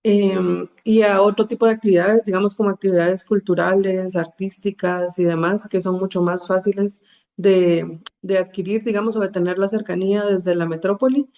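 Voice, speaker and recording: Guatemalan woman psychologist, warm mellow voice, measured and reflective, podcast guest. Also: medium pitch, fairly even intonation. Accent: Guatemalan Spanish. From Guatemala City. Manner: measured, reflective, uses fillers like digamos. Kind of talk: podcast interview answer.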